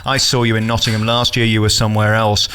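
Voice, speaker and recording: A man with a medium-pitched voice conducts a relaxed, conversational interview. He frames his questions admiringly and leads his guest along. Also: quick pace, noisy background. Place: theatre dressing room.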